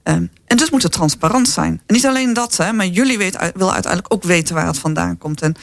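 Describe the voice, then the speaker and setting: Man from the southern Netherlands, lively panel talk. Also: high-pitched, fast, gravelly, no echo. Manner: lively, uses many fillers and rhetorical tags. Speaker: company representative. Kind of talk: panel discussion.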